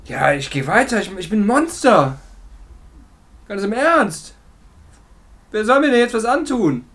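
High-pitched, animated German man gaming. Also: measured pace. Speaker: let's play gamer. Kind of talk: casual gameplay commentary.

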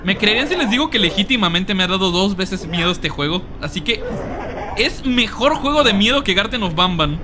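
A young man with a Mexican accent doing casual, joking let's-play commentary, excitable and swearing freely as he yells at the game. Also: high voice, fairly quick, background noise. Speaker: gaming streamer.

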